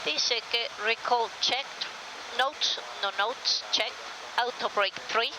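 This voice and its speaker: A woman airline pilot with a Mexican accent chats and explains things informally in the cockpit mid-flight. Her voice is fairly high and unhurried, with the aircraft's drone clearly audible as background noise.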